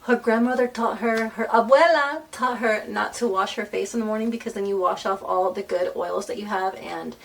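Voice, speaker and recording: A woman's voice: medium pitch, moderate pace, creaky, few pauses. Chatty woman a bit off-mic. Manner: chatty and self-deprecating, with rambling asides. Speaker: beauty vlogger. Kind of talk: casual chat while doing makeup. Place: at home. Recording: voice a bit far from the mic, faint noise.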